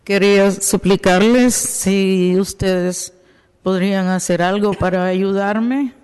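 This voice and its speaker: A woman's voice: mid-range voice, fairly even intonation, a little slow, darkish tone, clean tone. A woman from El Salvador, a native Spanish speaker, pleading with a city board during public comment. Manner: pleading, emotional. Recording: long hall reverb.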